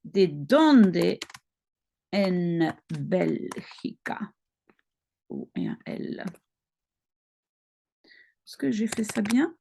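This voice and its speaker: Belgian French woman teaching, slow deliberate delivery, fry in the voice. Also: fairly low pitch, big pitch swings, dark tone, a little hiss or hum. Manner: slow, careful, self-correcting, explaining as she goes. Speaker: language-learning video host. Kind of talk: reading practice dialogue aloud.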